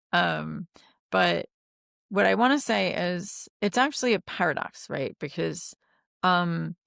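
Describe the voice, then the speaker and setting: A woman's voice: on the low side, vocal fry, no echo, studio quality. A middle-aged woman coaching on relationships in a podcast interview, chatty, with many fillers and easy laughs.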